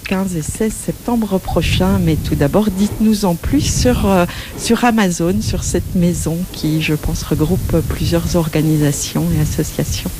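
Woman radio host, friendly, slow delivery, mellow tone, faint background hiss. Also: on the low side. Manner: friendly, with small laughs. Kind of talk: radio interview. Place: radio studio.

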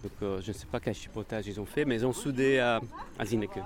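A man's voice: fairly low pitch, quick pace. A man speaking informally as a workshop organiser, explaining things step by step with some hesitation. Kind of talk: casual spoken explanation. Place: outdoors in town.

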